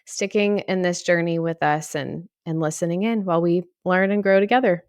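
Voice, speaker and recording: A woman's voice: fairly low pitch, moderate pace, darkish tone, smooth, no room sound, clean studio sound. A woman co-hosting a faith podcast, chatting in a gushing, enthusiastic way. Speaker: podcast co-host. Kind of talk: casual podcast chat.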